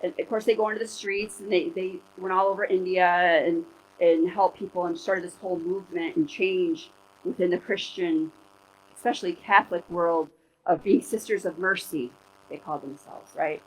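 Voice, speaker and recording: A middle-aged woman pastor giving a sermon in church, conversational and animated, telling personal stories to make her points. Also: lowish voice, moderate pace, slightly rough, low-quality recording.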